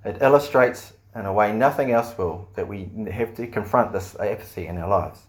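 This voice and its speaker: A man preaching a sermon in an earnest way, asking the listeners questions and often pausing on fillers. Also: fairly low pitch, animated. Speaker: pastor.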